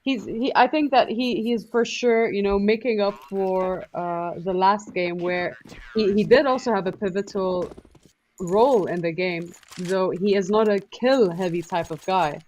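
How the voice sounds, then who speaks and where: A woman's voice: medium pitch, a little slow, a little mellow, slight background noise. A woman co-casting a live esports match, giving chatty analysis and laughing often. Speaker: esports co-caster. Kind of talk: live game commentary.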